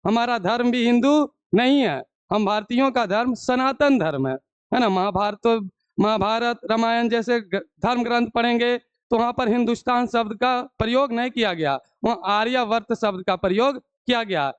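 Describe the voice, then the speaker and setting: A man's voice: very high-pitched, moderate pace, clear, resonant tone, no echo, muffled recording. A man teaching Hindi grammar in a video lesson, asking the class questions and answering them himself.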